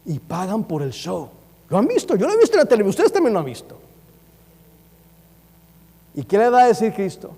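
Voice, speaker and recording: A man, a pastor, preaching a sermon in a church in an animated, humorous way, with mocking impressions. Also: high-pitched, brisk, vocal fry, long pauses, breathy edge. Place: church sanctuary. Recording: long reverb from a church hall.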